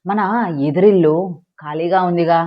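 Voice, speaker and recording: A woman's voice: lowish voice, steady tone, normal speed, muffled recording, lightly acted. Woman voicing a weary sighing father. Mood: scheming. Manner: sighing, tired. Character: weary middle-aged father Subbarao.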